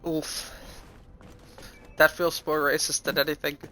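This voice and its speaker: A man's voice: on the high side, little pitch movement, measured pace, pushed and bright, soft background music. A young man livestreaming as host, chatting casually and cracking crude, sweary jokes.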